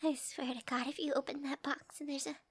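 A woman in a romance roleplay, talking softly in a shy, gentle, affectionate way and often dropping to a whisper. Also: sits high, little pitch movement, fairly quick.

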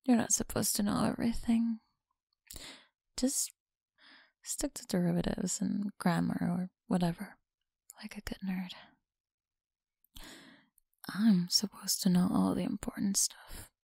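Heavily acted, this ASMR roleplay has a young woman as a possessive school bully who teases in a slow, mocking, breathy whisper near the mic. Her voice is medium-pitched, steady and warm in tone, with no room sound.

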